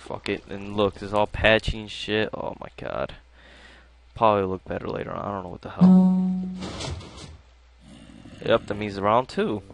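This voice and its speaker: A young man cursing and complaining through his own live gameplay commentary, swinging from mutters to yells. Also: fairly low pitch, vocal fry, background noise. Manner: cursing, frustrated, swings between muttering and yelling. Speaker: gamer.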